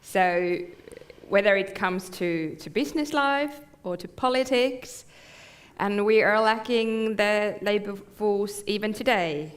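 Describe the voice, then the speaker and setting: Woman from northern Finland, mid-pitched, thoughtful panel answers. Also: slow pace, smooth. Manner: thoughtful, with small laughs, trailing off softly.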